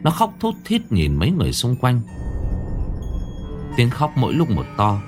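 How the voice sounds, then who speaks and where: A man narrating a ghost story in a dramatic, expressive way. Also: medium pitch, normal speed. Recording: faint background music under narration.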